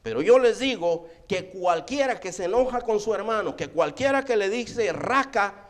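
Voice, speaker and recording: Pastor, man, high voice, emphatic sermon, calls folks brother. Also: animated, normal speed. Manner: emphatic, repeatedly addresses listeners as brother.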